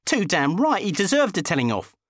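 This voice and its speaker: A man reading an audiobook and voicing a cheeky, stubborn young flatmate who turns sulky or indignant. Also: sits high, a little fast, no room sound, clean studio sound, voice pushed up, heavily acted.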